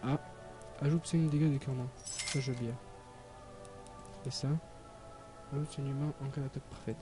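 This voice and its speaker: A man giving casual, halting video game commentary, thinking aloud as he plays. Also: mid-range voice, steady tone. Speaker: gamer, let's play host. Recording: game music behind voice. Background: video game music.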